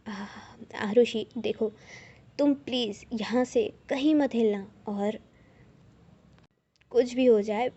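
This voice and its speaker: A woman's voice: a little high, slow pace, long pauses, mellow, husky, dull audio. A woman playing Adhya, a flustered stammering wife. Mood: firm. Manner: stammering, coaxing. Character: flustered young wife, pleading then scolding.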